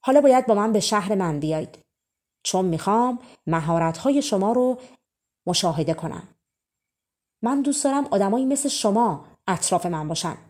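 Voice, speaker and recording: A woman's voice: medium pitch, animated, darkish tone, close to an everyday voice. A woman voicing a stern, commanding male king in a storybook reading. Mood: gracious.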